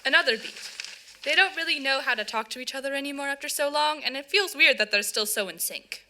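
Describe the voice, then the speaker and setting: A woman's voice: high voice, quick pace, pushed and bright. A woman reading the stage directions of a play as scripted narration.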